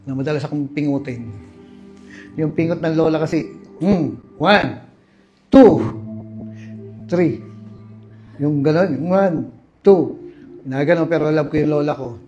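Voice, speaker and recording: A man with a Filipino accent preaching a sermon, telling personal stories in an animated way and addressing his listeners as brothers and sisters. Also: fairly high pitch, a little slow, long pauses, lo-fi sound, soft background music. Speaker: pastor.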